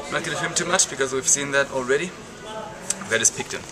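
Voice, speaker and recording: Young guy doing a travel vlog, mid-pitched, rambly and informal, really noisy background. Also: quick pace. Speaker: travel vlogger. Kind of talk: casual travel vlog chat. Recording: loud ambient travel noise.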